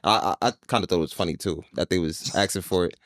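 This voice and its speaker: A man's voice: deep voice, quick pace, a bit bright, no echo, studio quality. A young man with a New York accent, co-hosting a podcast and telling a long, laid-back story full of slang. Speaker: podcast co-host. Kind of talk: casual chat.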